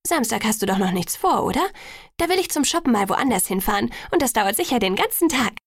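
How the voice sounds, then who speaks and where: A woman's voice: a little high, sing-song, a little fast. A woman doing a bubbly, coaxing young woman. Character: lively, persuasive young woman friend.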